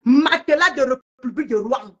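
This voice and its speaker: On a live stream, a woman rants casually about an online feud, mocking, laughing loudly and talking fast in bursts. Her voice sits high, and the sound is lo-fi.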